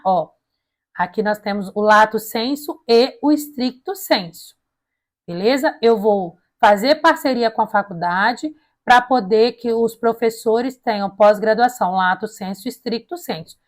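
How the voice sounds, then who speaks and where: A Brazilian woman lecturing informally, with tongue-tied, slightly slushy s sounds, asking and answering her own questions and checking in with listeners. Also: fairly high pitch. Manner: colloquial, asks and answers own questions, frequent check-in tags. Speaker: teacher preparing students for a public service exam. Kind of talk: informal lecture explaining an education plan point by point.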